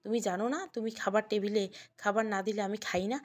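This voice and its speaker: A woman's voice: medium pitch, level tone, quick pace, lightly acted. A woman voicing a hot-tempered young husband in an audio story, snapping and raising her voice. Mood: irritable. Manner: snapping, raised voice. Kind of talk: Bengali audio story dialogue.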